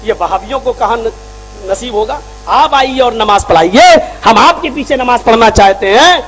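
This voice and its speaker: A man preaching a sermon, telling stories in dialogue and rising to shouted emphasis. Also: very high voice, lively intonation, moderate pace, breathy edge, soft background music, low-quality recording. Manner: retells arguments in dialogue. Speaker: Islamic preacher. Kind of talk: sermon with storytelling.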